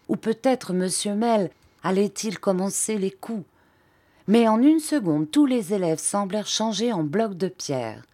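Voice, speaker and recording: A woman reads a classic novel aloud at a very slow, even pace. Her voice sits low and her narration stays measured and unhurried. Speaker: audiobook reader.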